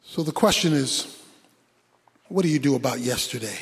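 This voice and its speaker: A male pastor preaching a sermon, dropping low and quiet and then rising to a shout. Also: animated, moderate pace, creaky, slightly rough. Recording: sermon in a reverberant hall.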